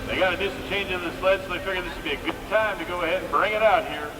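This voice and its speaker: A man's voice: high-pitched, racing. A man announcing a tractor pull live over a PA at an outdoor fairground, calling names and results in informal, folksy phrasing. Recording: echoey outdoor PA, distant, loud engine noise. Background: loud vehicle and outdoor noise.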